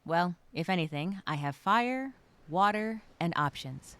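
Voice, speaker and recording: A woman voices a frightened yet determined castaway, delivering her survival journal as a halting, expressive dramatic monologue. Her pitch sits fairly low and her tone is clean, carrying a hopeful, resolute mood.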